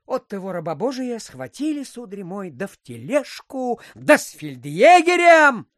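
In an audio drama, an actor plays a garrulous, self-important provincial official who rambles through animated stories packed with filler phrases. His voice is high-pitched with big pitch swings and a slightly slow pace. The theatrical radio-play recording is clean studio sound with no echo.

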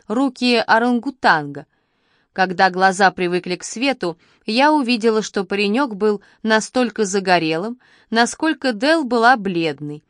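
A woman giving scripted first-person narration of an audiobook at a measured, even pace. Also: mid-range voice, no echo, studio quality.

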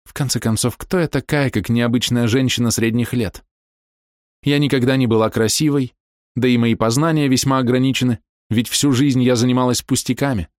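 A man's voice: medium pitch, steady tone, brisk, no echo, clean studio sound, pitched above the performer's own voice, close to an everyday voice. A man voicing a lonely, self-doubting woman of forty who pleads tearfully in an audiobook reading.

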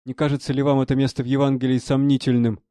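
A man's voice: medium pitch, level tone, fast, warm tone, no echo, natural voice. A sly, genial old prisoner who teases with mild irony, played by a male reader. The voice sits a little above the reader's own and is recorded close and dry. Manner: mild, teasing and ironic.

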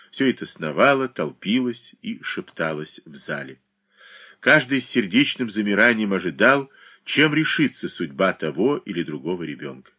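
A man reading a classic novel aloud as an audiobook narrator, with expressive storytelling. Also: lowish voice, slightly rough. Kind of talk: scripted literary narration.

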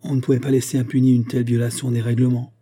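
A man's voice: mid-range voice, normal speed, mellow, breathy edge, natural voice. A man voicing a remorseful, indignant young noblewoman in an audiobook, pleading earnestly. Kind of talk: audiobook character voice.

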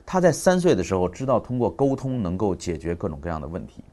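Fast, animated man giving a talk. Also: low-pitched. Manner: lively storytelling, acting out family dialogue. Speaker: parenting speaker. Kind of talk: public talk.

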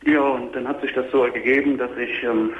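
A man's voice: medium pitch, fairly even intonation, brisk. A man in his twenties calling in to a radio show from his car, hesitantly telling his story over a phone line that sounds like a speakerphone. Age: 20s. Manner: hesitant, many filler sounds. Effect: caller on a phone line that sounds like a speakerphone. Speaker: caller. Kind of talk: caller recounting his story. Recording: echoey tinny phone line from a car, faint noise.

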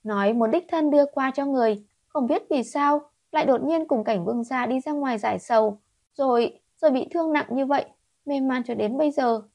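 A woman voicing an anxious, devoted young maid in a storybook reading, speaking high and urgently. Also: extremely slow, hardly any pauses, no echo, full character voice. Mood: earnest.

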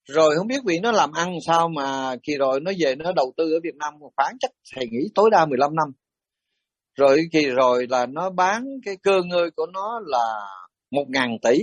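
A middle-aged Buddhist monk tells stories in a dharma talk, lively and blunt whenever he acts out what was said. His voice sits fairly high with a husky edge. The recording is dry and close, with little room sound. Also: moderate pace, no room sound, muffled recording. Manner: animated, acts out quoted exchanges bluntly.

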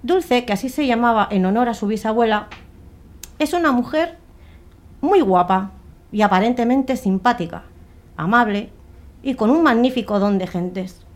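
A woman telling a dark story as a dramatic narration, slowing down and building up on the tense moments. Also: fairly high pitch. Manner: expressive, slows and swells on dramatic moments.

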